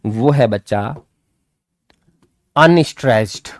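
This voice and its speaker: A man's voice: medium pitch, slow pace, dry recording, studio quality. A man teaching English grammar in a live online class, repeating key points and coaxing his students along.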